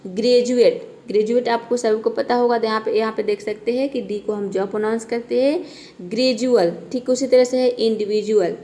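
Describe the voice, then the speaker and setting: A woman English teacher giving a beginners' pronunciation lesson, explaining patiently step by step and repeating each word slowly. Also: on the high side, fairly even intonation, warm tone.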